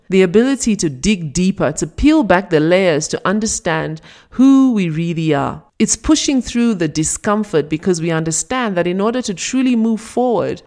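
A woman giving a scripted motivational talk, telling a fable in a deliberate, emphatic way. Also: on the low side, darkish tone. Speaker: motivational speaker.

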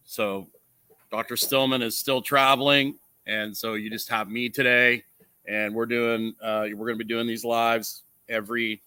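Bright-voiced man livestreaming with a nasal strip on. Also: mid-range voice, level tone, measured pace, clear, resonant tone, dry recording. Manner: earnest, explanatory, often checking with "right?" and "okay?". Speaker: livestream host, coach. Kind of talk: casual livestream monologue, opinion talk. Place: outdoors.

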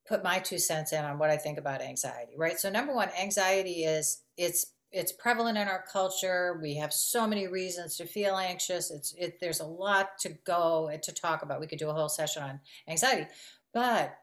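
Woman host, warmly affirming explainer, lower pitch. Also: fairly quick. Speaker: podcast host. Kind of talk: casual podcast chat.

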